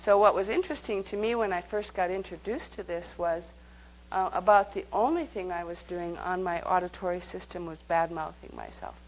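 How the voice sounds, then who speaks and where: A woman's voice: on the low side, normal speed, few pauses, low-quality recording. A woman leading a live workshop, speaking conversationally and guiding the group through exercises. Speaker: workshop teacher.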